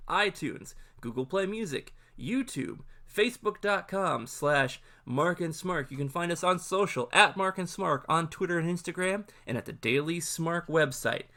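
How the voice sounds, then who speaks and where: A man co-hosting a podcast with a brightly edged voice that sits a little high for a man. He talks with excitable enthusiasm and trips into quick restarts when he gets worked up. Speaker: podcast co-host. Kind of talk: casual podcast chat.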